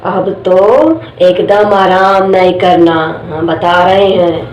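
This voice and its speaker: A woman's voice: on the low side, flat delivery, slow, darkish tone, roomy sound, lo-fi sound, slight background noise. A woman playing a bossy village auntie, handing out scolding advice.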